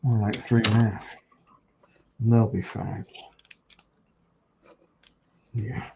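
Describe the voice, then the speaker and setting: A man's voice: on the low side, steady tone, takes it slowly. A man with a Hull accent talks casually to himself, thinking aloud as he works at a hands-on task. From Hull, England. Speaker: hobbyist presenter demonstrating model making. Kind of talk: casual muttered talk while working. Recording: muffled, clearly noisy room recording with clicks.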